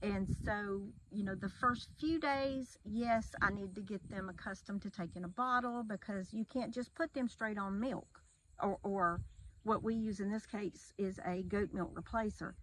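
A woman's voice: mid-range voice, a little slow, a little hiss or hum, poor audio. A middle-aged woman, a wildlife rehabber patiently explaining step by step in a casual outdoor interview by a metal barn wall.

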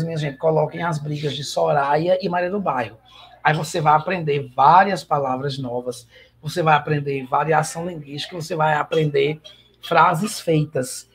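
A man's voice: a little high, a little hiss or hum. A man with a Brazilian accent giving an informal online lecture, chatty and addressing viewers by name. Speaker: guest lecturer.

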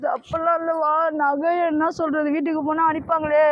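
Brief: woman, high voice, fast tearful pleading, lo-fi phone clip outdoors. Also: level tone. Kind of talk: staged vlog drama. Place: roadside on a bridge, outdoors.

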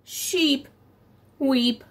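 Reading to young children from a picture book, this middle-aged female teacher speaks extremely slowly in a high, fairly bright voice. She stretches story phrases with expression and slips in simple explanations, all from a small room at home beside a window.

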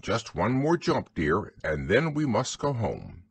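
A man voicing a motherly, polite, slightly distracted female kangaroo in a storybook, fussing gently. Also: lowish voice, huge pitch swings, takes it slowly, gravelly, husky, exaggerated voice.

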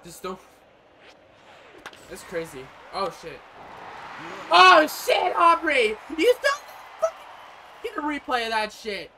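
A young man giving casual, profane commentary on his own gameplay from a small room, rambling and often breaking into loud yells. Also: very high voice, wildly swooping pitch, slow pace, long pauses, noisy background. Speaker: gaming streamer.

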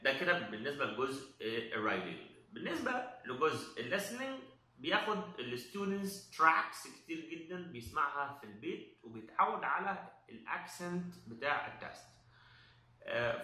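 A man with an Egyptian Arabic accent, explaining an English test as an instructor, pausing often on drawn-out "uh" fillers and mixing in English terms. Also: fairly high pitch, bright, forceful tone, reverberant. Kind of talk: explanatory talk.

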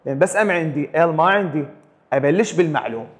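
Quick high-voiced Iraqi math teacher. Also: male voice, lively intonation, in a large hall. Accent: Iraqi Arabic. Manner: quizzes students with repeated call-and-response questions. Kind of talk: classroom lecture.

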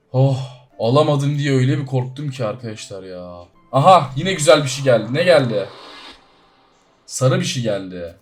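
A gaming YouTuber, male, chats casually and excitedly while he plays, speaking directly to his audience. His delivery jumps from loud astonishment to quiet mumbling.

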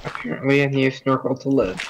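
A man's voice: medium pitch, fast talker, background noise. A man playing a co-op game, bantering and teasing in a contrary, joking way. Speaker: gamer. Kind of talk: co-op gameplay chat.

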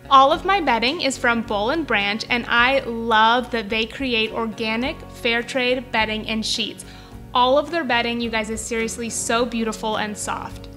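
A woman's voice: on the high side, sharp tone. A young woman chatting enthusiastically to her viewers in a lifestyle vlog, filmed in her bedroom. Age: young adult. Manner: bubbly, enthusiastic, addresses viewers as you guys. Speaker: lifestyle vlogger. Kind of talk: upbeat product vlog. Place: bright bedroom, indoors.

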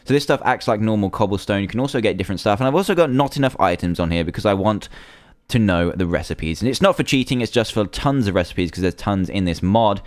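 A man's voice: fairly low pitch, expressive, fast talker, no echo. A young man giving casual, chatty commentary while playing a survival game, often nervous and easily panicked. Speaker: gaming video creator.

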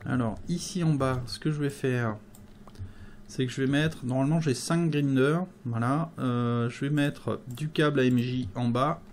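A man's voice: medium pitch, measured pace, a little mellow, a little hiss or hum. A man giving let's play commentary, thinking aloud as he builds, with many hesitations and fillers. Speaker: gameplay commentator.

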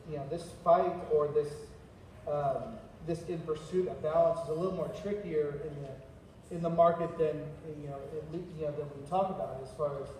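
A man's voice: on the high side, warm tone, a little hiss or hum. A man from Los Angeles on a panel, chatty and self-deprecating, repeating words as he goes. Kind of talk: panel discussion. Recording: echoey hall from far off.

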